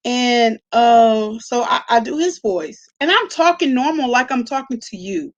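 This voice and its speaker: Her voice is slightly high and expressive, her pace a bit slow, and the audio dull. As host of an online commentary channel, this woman chats informally and gossips through a reaction vlog, using salty slang and frequently addressing the listener.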